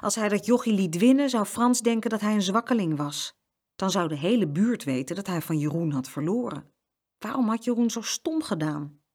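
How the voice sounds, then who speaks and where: A woman reading a children's story aloud as narrator, with expressive storytelling. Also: mid-range voice, brisk.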